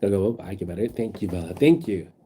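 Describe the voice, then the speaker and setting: A man's voice: deep voice, lively intonation, quick pace, dark tone, slight background noise. A sick, sniffling man streaming from his phone, rambling in casual chat with his viewers and reading their messages aloud. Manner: rambling, reads chat aloud, many fillers.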